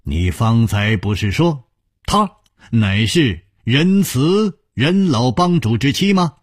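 A man doing a calm, smiling young hero. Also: mid-range voice, slow pace, breathy edge, no echo, studio quality, heavily acted. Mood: teasing. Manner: easy, quietly amused.

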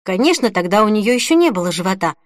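Clean studio sound with no room tone carries this audiobook narration, in which a woman of medium pitch tells a novel's story from a script in a calm, measured way.

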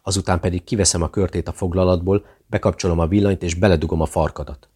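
A man's voice: low-pitched, fairly even intonation, dark tone, slightly rough. A man voicing a menacing interrogator who hisses threats at a captive in an audiobook. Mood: threatening.

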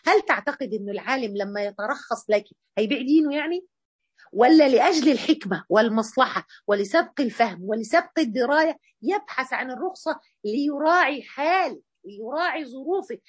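A woman with an Egyptian accent giving a religious lesson in a colloquial, emphatic and animated way. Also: sits high, a little fast, breathy edge, no room sound. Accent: Egyptian Arabic. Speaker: female Islamic preacher.

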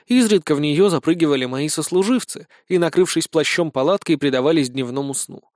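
A man reading a humorous first-person audiobook with a wry, deadpan delivery on a close mic. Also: a little high, a little fast, dry recording. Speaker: audiobook narrator.

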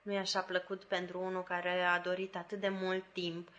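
A woman reading the part of an old weathered ex-convict, a rough man who speaks in a hoarse, broken murmur. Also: fairly low pitch, monotone, a bit bright, lo-fi sound, natural voice. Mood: pleading.

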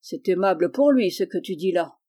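A composed mother from a classic children's tale, firm and measured, as a woman reader voices her. Her tone is mellow and warm, never raised. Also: on the low side, lively intonation, husky. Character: firm but loving mother Léontine.

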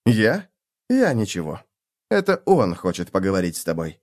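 A man's voice: low-pitched, wildly swooping pitch, moderate pace. A man reading a wry, wary young swordsman. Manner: dry, terse, hushed threats.

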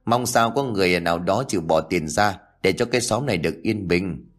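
A man's voice: low-pitched, brisk. A man voicing a worried, scolding middle-aged mother in an audio story. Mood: fretful. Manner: scolding, fretful.

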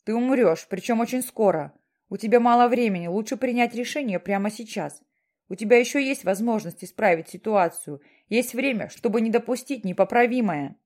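A woman's voice: a little high, brisk, a little mellow, lightly acted. A woman voicing a stern, mysterious voice from the sky that questions and lectures insistently.

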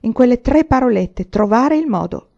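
A woman voicing a kindly, wise pioneer father who gives calm, gently teasing advice, in a storybook reading. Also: on the high side, moderate pace, creaky, highs cut off, pitched above the performer's own voice. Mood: gentle.

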